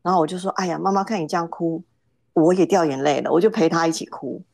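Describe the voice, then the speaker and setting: Middle-aged woman, low voice, dry close sound, hesitant guest telling a story. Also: quick pace, creaky, darkish tone, no room sound. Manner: hesitant, repeats words as she starts. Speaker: podcast guest. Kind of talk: casual storytelling.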